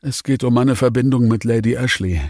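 A man voicing a troubled, resigned young nobleman in an audiobook, speaking in a flat, nearly toneless way. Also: medium pitch, a little fast, no room sound, studio quality, voice pushed up, close to an everyday voice.

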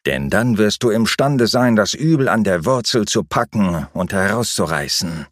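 A man reading an audiobook, voicing a calm, emotionless male captor who speaks in a flat, bureaucratic, unhurried way. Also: on the low side, no room sound, studio quality. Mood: cold menace.

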